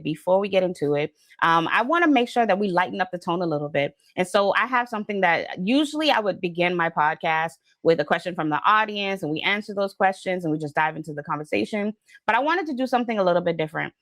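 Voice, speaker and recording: A woman's voice: lowish voice, dry recording, clean studio sound. A woman from the Bahamas hosting a podcast, chatting casually and repeating phrases for emphasis. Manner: animated, repeats phrases, says y'all. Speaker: podcast host.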